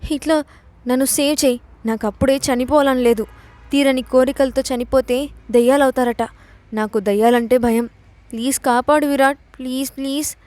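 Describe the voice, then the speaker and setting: A feisty young woman with a sharp tongue, shrill and exasperated, as a woman storyteller puts her on. Her voice rides high and sounds dry and close to the mic. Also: fairly even intonation, normal speed, dry recording, natural voice. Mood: pleading.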